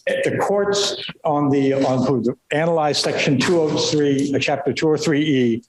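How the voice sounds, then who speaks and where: Halting male lawyer in an echoey courtroom. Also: on the high side. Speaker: lawyer arguing before court. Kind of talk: formal oral argument. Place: indoor courtroom. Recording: echoey courtroom, faint background noise.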